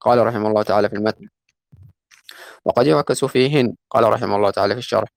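A man reading a classical grammar text aloud to his teacher, going quickly and slowing down to chant the quoted verses. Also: on the low side, vocal fry, dry recording. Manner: fast recitation, slows to chant quoted verses.

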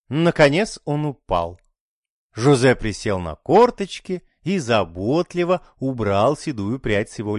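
Man narrating a dark story, dry close sound. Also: mid-range voice, dry recording.

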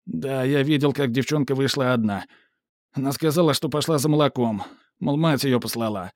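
A man's voice: mid-range voice, normal speed, no echo, clean studio sound, pitched above the performer's own voice, close to an everyday voice. A man voicing a cowardly, whining male factory manager who squeals and pleads. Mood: scared.

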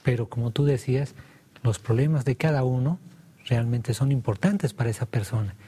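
A man's voice: medium pitch, normal speed, warm tone, breathy edge. A man hosting a casual discussion, affirming the others and putting questions to them. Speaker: host.

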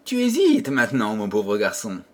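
Storybook role: a soft-spoken, tender fairy queen, put on by a husky, lively male reader. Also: lowish voice, moderate pace, pitched below the performer's own voice. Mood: tender, coaxing. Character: gentle kindly female fairy queen.

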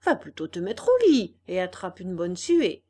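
Storybook: woman voicing an impish little puppet boy, high and bratty. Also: big pitch swings, unhurried, vocal fry, darkish tone, full character voice. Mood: rude. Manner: mocking taunts, then tearful pleading. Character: cheeky wooden puppet boy, impish and rude.

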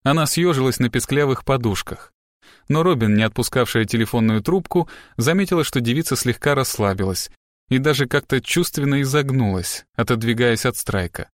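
A male audiobook narrator reads in an even, measured way, with a voice of ordinary middle pitch. The recording is close and completely dry, with no room sound. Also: no echo. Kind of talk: scripted narration.

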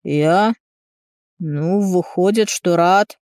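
A woman reading an audiobook voices a hot-tempered middle-aged father, loud and gruff, slower and bigger than her own narration. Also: sits high, no room sound, studio quality, heavily acted. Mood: softening.

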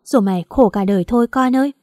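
A woman's voice: on the high side, fast, dark tone, no echo, clean studio sound, lightly acted. A woman voicing a worried older village mother who scolds and pleads with her daughter. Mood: anxious.

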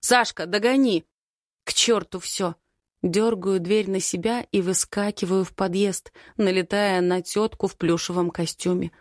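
A woman narrates a first-person story with dramatic, expressive delivery. Her voice sits at a middle pitch, and the recording is close and dry, with no room echo. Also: normal speed. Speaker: audiobook narrator.

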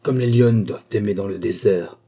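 A man's voice: mid-range voice, normal speed, mellow, breathy edge, natural voice. A man voicing a proud, passionate female courtesan in an audiobook reading, raising his voice for her. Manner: haughty, passionate.

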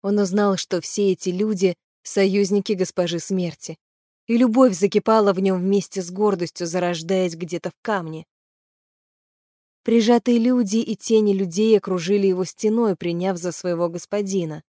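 A woman narrates a fantasy audiobook in a steady, even voice of middle pitch. The recording is dry and close, with no room sound around her. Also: normal speed, dry recording. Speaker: audiobook reader. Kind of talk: scripted narration of a fantasy novel.

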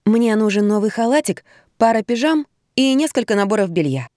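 A jealous young mother scolds in a high, shrill voice, as a woman reader puts her on. She is loud and curt, and the read is dry and close to the mic. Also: expressive, brisk, no echo, natural voice.

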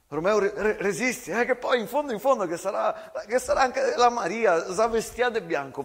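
Tonon, a man doing a desperate Venetian soldier. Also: high voice. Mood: pleading. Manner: pleading, rambling, stammering reassurances. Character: young male soldier, rough, devoted, desperate friend. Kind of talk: stage monologue.

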